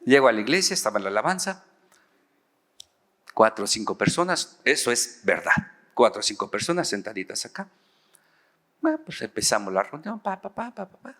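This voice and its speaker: A middle-aged pastor with a Mexican accent, telling a story in a lively, animated sermon straight to his congregation. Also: on the low side, brisk, pauses often. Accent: Mexican Spanish. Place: large church auditorium. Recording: long church reverb.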